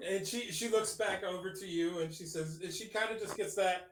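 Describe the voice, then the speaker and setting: A man's voice: high-pitched, normal speed, roomy sound, distant mic, low-quality recording. A man narrating as game master of a tabletop game, hesitant, with many ums and restarts.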